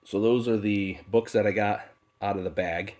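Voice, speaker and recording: A book channel host with a low voice, stuffed up from a cold, chats casually through an unboxing. He's relaxed and unhurried, filling the gaps with plenty of fillers. His voice comes from off camera in a faceless video.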